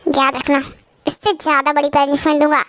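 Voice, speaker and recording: A woman voicing a cold, possessive young husband in a fan-dubbed drama. She gives him a commanding, threatening manner and drops her voice low for him. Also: flat delivery, brisk, over music, natural voice.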